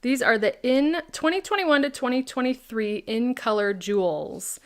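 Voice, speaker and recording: A woman's voice: fairly high pitch, expressive, moderate pace. A woman hosting a live craft product demo, chatting and answering viewers' questions by name.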